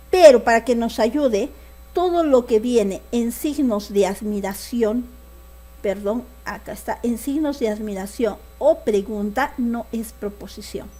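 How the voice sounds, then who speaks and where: A woman with a fairly high-pitched, darkish voice teaches a secondary school logic lesson. She frequently asks the class check questions to make sure they are following.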